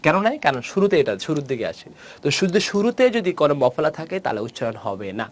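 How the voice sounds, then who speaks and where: A male teacher gives a grammar lecture, repeating key points and quizzing students with quick questions. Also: on the high side, very animated. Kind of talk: recorded Bangla grammar lecture.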